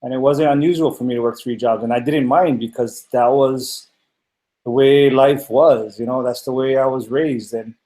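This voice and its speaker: A man's voice: mid-range voice, fairly even intonation, normal speed, dark tone, echoey room. A man in his forties from Hawaii, earnestly telling his own story on a webinar call from his home office, with many fillers and restarts. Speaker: panel guest. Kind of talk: personal testimonial on a webinar.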